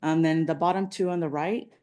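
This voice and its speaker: A woman's voice: low-pitched, steady tone, fairly quick, mellow. A woman presenting slides at a public planning meeting, walking through figures with frequent fillers like "um". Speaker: transportation agency presenter.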